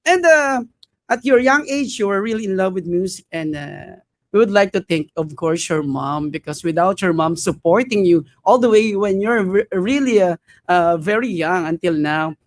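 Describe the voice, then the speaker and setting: Effusive host full of fillers. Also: male voice, high-pitched. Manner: halting, many fillers, effusive. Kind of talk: live stream interview.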